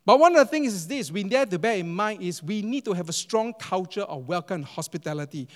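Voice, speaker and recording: In a church auditorium filled with the long reverb of a large hall, a pastor with a Singaporean English accent preaches to his congregation. His voice sits high, and he's animated and emphatic, repeating phrases for effect.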